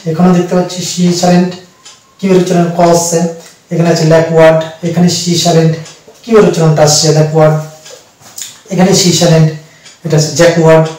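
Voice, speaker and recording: A man patiently explains a reading lesson, repeating points and pausing often to hesitate. His voice sits a little high. He sounds distant from the mic, in a room with heavy echo. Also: a little mellow. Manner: slow, repetitive, with frequent hesitations. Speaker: English teacher. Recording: very echoey room, voice far from the mic.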